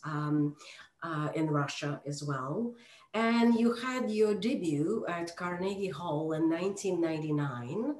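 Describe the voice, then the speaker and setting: A woman hosting an interview over a video call from home, introducing her guest in a chatty way. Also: on the low side. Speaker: host. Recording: roomy video call audio.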